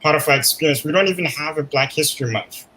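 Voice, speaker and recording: Bright-voiced man from Zimbabwe. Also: on the high side, fast talker, a little hiss or hum, rough recording. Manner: animated storytelling with laughs. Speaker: guest. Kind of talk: casual conversation.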